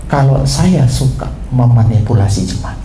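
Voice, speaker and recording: A man preaching a sermon as pastor, swinging from low asides to high emphatic outbursts. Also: expressive, normal speed, dark tone. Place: church. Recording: echoey church hall, faint room noise.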